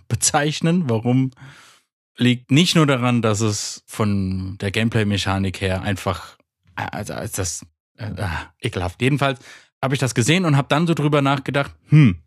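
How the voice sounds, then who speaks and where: A man's voice: mid-range voice, no room sound, clean studio sound. A man from Frankfurt, a guest on a casual podcast, rambling enthusiastically and often interrupting himself. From Frankfurt, Germany.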